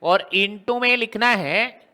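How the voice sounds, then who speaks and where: A man's voice: sits high, slow pace, pushed and bright. A man teaching a maths lesson, working through a problem step by step and asking his students question after question. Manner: explains step by step, often quizzing students with rhetorical questions.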